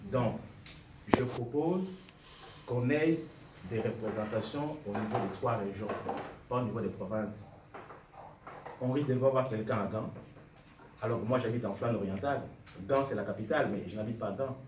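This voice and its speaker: At an indoor political meeting, a party member rises from the floor to give an earnest, argumentative impromptu speech. He has a medium-pitched voice, speaks at a moderate pace with long pauses, and is caught on a distant mic in a roomy, noisy hall.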